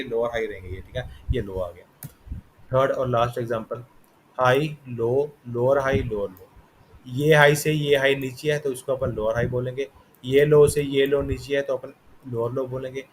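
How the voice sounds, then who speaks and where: A man's voice: medium pitch, a little hiss or hum, poor audio. A man teaching a trading lesson, explaining chart patterns step by step with patient repetition and frequent check-ins. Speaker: trading instructor.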